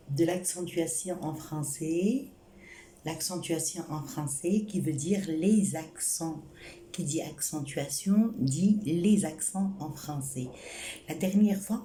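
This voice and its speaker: A woman with a low, mellow voice gives a French lesson at an unhurried pace. She repeats her points and spells out examples one by one. The room sounds echoey, with a faint hiss. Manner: slow, repetitive, spells out examples. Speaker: French teacher. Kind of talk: spoken grammar lesson.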